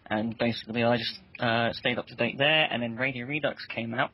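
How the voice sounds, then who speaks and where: A man's voice: mid-range voice, steady tone, a little fast, a little hiss or hum. A man speaking candidly as a guest in a casual group interview. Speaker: guest, staff member. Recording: dull lo-fi audio.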